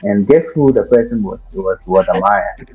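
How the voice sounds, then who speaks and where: A young man from Ghana speaks with a Ghanaian accent in a very low, husky voice. He talks haltingly as an interview guest, full of fillers and restarts. The audio is dull and lo-fi. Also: darkish tone. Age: 20s. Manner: hesitant, many fillers and restarts. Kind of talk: casual interview.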